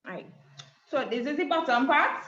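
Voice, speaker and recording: A female student on a video call whose audio keeps breaking up, slowly and haltingly explaining her homework to the class. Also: high-pitched, animated, fairly bright tone, muffled recording.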